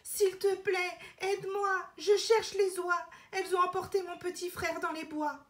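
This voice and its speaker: A woman voicing a desperate little girl in a storybook, pleading in a high urgent voice. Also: little pitch movement, measured pace, a bit bright.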